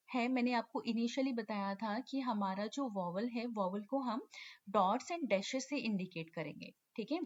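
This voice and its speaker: A woman teaching shorthand in an online lesson, patiently repeating key terms and checking in often. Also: a little high. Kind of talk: online lesson explaining step by step. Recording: lo-fi dull recording.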